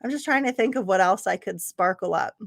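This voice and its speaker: A woman livestreams casually from a room at home with computer screens, rambling as she chats, answering viewers by name, laughing often, and trailing off mid-sentence. Her voice is medium-pitched and gravelly, with lively intonation and a brisk pace.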